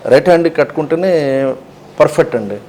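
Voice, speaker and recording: A man, a shop owner explaining things slowly and emphatically as an interview guest. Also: fairly high pitch, a little mellow, a little hiss or hum, low-quality recording. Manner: slow, emphatic, explains step by step.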